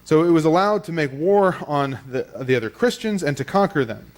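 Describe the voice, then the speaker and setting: A man's voice: fairly high pitch, expressive, brisk. Man preaching at a pulpit microphone. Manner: explanatory, conversational with fillers. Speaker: pastor. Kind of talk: teaching sermon. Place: church sanctuary.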